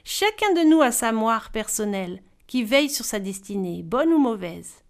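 A woman voicing a kind old village widow who speaks gently and reassuringly, clear-toned and a little high. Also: sing-song, normal speed. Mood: advising.

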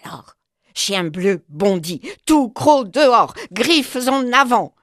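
A woman reads a children's storybook aloud, her pitch rising and falling widely. She takes it slow and deliberate. The sound is dry and close to the mic. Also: dry recording. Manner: expressive, with sweeping pitch.

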